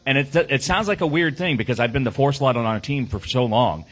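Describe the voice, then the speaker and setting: A man on a casual podcast rambles through his team's game, full of fillers and restarts, speaking as one of the players. His voice sits in the mid range and moves fairly quickly. The recording quality is low.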